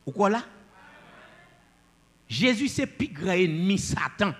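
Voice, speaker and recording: Husky high-voiced preacher. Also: male voice, sing-song, a little slow, long reverb tail. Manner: swings between loud declamations and low asides. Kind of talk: sermon.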